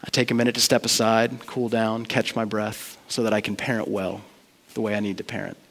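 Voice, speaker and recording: A man's voice: lowish voice, flat delivery, fairly quick, creaky, fairly bright tone. Earnest male preacher in a reverberant hall. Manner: earnest, conversational storytelling. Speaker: pastor. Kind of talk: sermon. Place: church sanctuary. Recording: long reverb of a large hall.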